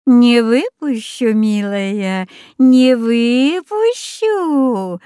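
Woman doing a sly old storybook witch, sugary coaxing, slow drawl, mellow tone. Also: on the high side, expressive, clear, resonant tone, dry recording, studio quality, pitched above the performer's own voice. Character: scheming old female forest witch. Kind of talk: storybook reading.

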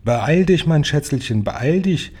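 Guy doing a cool, gracious old granny, warm and soft. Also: mid-range voice, a little fast, close to an everyday voice. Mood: urgent. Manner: calm, politely composed. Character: calm, gracious elderly grandmother.

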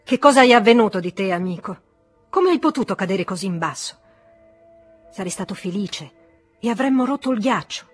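A woman's voice: mid-range voice, a little fast, a little mellow, breathy edge, faint music behind, close to an everyday voice. A woman reading the part of an agitated, worldly middle-aged man who reproaches an old friend, in an audiobook. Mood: reproachful. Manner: reproachful, emotionally charged.

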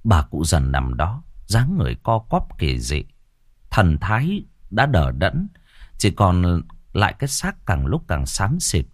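A man narrating a ghost story in a measured, expressive storytelling manner. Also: sits low, dry recording, clean studio sound.

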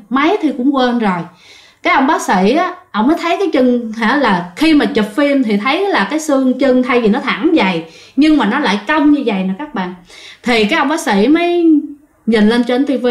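A woman's voice: high-pitched, lively intonation, moderate pace, reverberant. A woman telling a ghost story in a chatty way, often speaking straight to her listeners. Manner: chatty, addresses listeners directly, vivid retelling. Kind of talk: casual ghost story narration.

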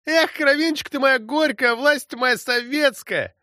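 A rough, hot-tempered Cossack soldier bellows and jeers in a high, strained voice, as a man acts him out. His outbursts are loud and coarse, swinging wildly in pitch. The sound is close and dry. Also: sing-song, moderate pace, dry recording, heavily acted. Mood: raging. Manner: shouting, coarse and mocking.

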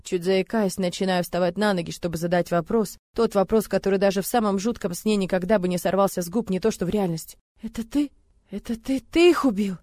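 A woman's voice: medium pitch, fairly even intonation, quick pace, few pauses, dark tone, no echo. A woman giving an intense, dramatic first-person narration of a story. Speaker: audiobook reader.

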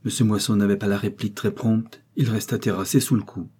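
A man narrating a classic novel as an audiobook in a measured, even way. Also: on the low side, breathy edge.

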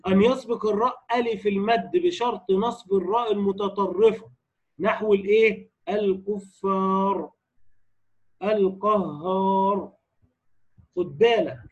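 A man with an Egyptian Arabic accent, teaching a tajweed lesson in a casual spoken style, explaining rules and then reciting example verses slowly, repeating each one. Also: high-pitched, darkish tone, husky. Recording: dull lo-fi recording.

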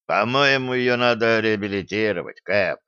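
A man's voice: fairly low pitch, normal speed, sharp tone, clear, resonant tone, no room sound. A man voicing a careful, mild-mannered male ship mechanic, in a dull lo-fi audiobook recording. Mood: cautious.

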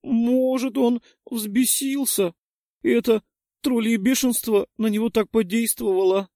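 A man's voice: steady tone, unhurried, mellow, no echo, clean studio sound. A man putting on a sobbing, scheming little girl. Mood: wheedling. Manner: high, sobbing, breathless pleading. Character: crafty eleven-year-old girl feigning tearful fright. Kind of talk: audiobook character voice.

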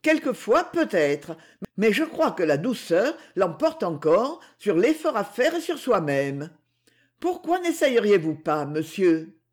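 Reader putting on a soft pleading young lady, higher voice, storybook. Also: sing-song, slow, heavily acted. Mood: gentle. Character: gentle pious young woman.

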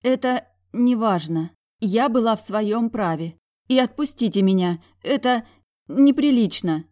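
A woman voicing a flustered young heroine who protests loudly and indignantly. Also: fairly high pitch, lively intonation, a little slow, voice pushed up.

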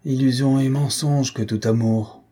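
Brief: a man doing a feverish dying nobleman, husky and dark, raised a bit in pitch, declamatory grief. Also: steady tone, unhurried. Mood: mournful. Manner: mournful, declamatory, grows fierce. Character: dying bitter aging male nobleman, feverish.

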